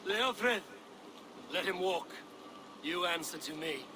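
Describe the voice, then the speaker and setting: Viking game hero: blunt, honorable, fairly high voice, noticeable background noise. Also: male voice. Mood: stern. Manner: commanding, measured, blunt. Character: resolute, honorable Viking warrior leader. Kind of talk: dramatic video game acting. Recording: clear ambient background noise.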